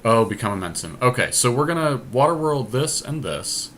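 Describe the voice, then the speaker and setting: A podcast host playing an online card game chats casually to a teammate, thinking aloud through each move step by step. His mid-range voice is very animated and fairly bright at a normal speed, and the amateur screen capture has clear background noise.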